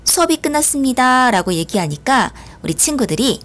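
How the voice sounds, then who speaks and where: Young adult female teacher, online class, animated sing-song pitch, patient and clear. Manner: patient, lively explaining with drawn-out model words. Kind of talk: online school lesson.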